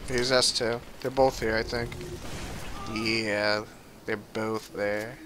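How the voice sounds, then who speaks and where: A man's voice: lowish voice, steady tone, takes it slowly, noisy background. Chatty, profane man streaming a game. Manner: chatty, profane, reads chat aloud. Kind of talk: casual live gameplay commentary.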